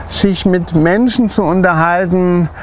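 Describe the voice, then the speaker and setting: A man's voice: high-pitched, unhurried, a little hiss or hum. A man who works as a chef, talking casually about cooking traditions and recipes, earnest, with many fillers. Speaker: chef guest.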